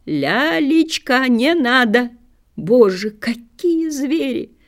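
A woman's voice: sits high, sing-song, takes it slowly, pitched above the performer's own voice, heavily acted. A woman voicing a genteel elderly lady who implores in a breathless, horrified way.

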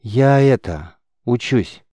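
A man's voice: mid-range voice, animated, slow, warm tone, dry recording, studio quality. A man voicing a hesitant, guarded young mage who mumbles short answers, in an audiobook.

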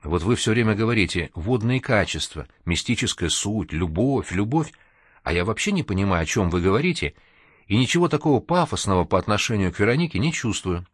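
A man's voice: deep voice, big pitch swings, a little fast, a bit bright, no echo, clean studio sound, heavily acted. A man reading an audiobook, voicing a complaining, resentful young male artist. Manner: whiny, complaining.

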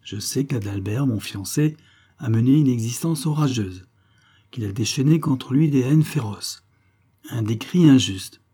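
A man's voice: medium pitch, measured pace, warm tone, breathy edge. A man reading an audiobook, voicing a proud, cold young noblewoman who speaks icily and haughtily. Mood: haughty. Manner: icy, haughty.

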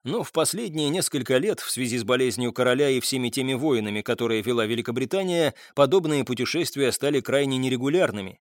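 Brief: male narrator, mid pitch, wry conversational asides, dry close-miked studio sound. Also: lively intonation, quick pace, few pauses, no room sound. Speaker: audiobook narrator. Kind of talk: scripted narration of a historical novel.

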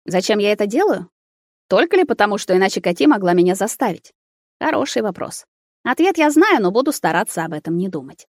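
A woman narrating a story aloud in an expressive, animated reading. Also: mid-range voice, no echo, clean studio sound. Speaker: audiobook reader.

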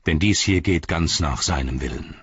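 A man voicing a grave, commanding old wizard who speaks in a deep, measured, stern way, in a dull, dry recording. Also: husky, no room sound, heavily acted.

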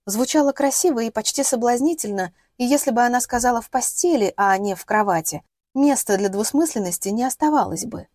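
Woman reading an audiobook, calm measured pace, mellow dry sound. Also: on the high side, no echo. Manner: steady, measured storytelling. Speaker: audiobook narrator. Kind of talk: scripted narration.

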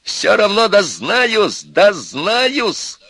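Man voicing a hotheaded young guy, high yelling voice breaking, near tears, dry sound. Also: sing-song, very slow, gravelly, slightly rough, dry recording, heavily acted. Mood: shouting. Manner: shouting, voice breaking.

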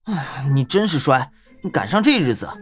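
An actor playing a small, sharp-tongued male yaksha ghost in an audio drama, mocking and scolding as he talks. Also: medium pitch, big pitch swings, moderate pace, slightly rough.

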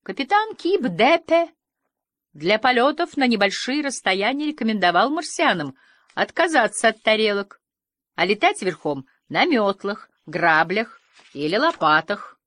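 A woman reading playful children's stories aloud, telling them expressively with slow, drawn-out pauses. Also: fairly high pitch, big pitch swings, a bit bright, no echo, clean studio sound. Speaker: audiobook reader.

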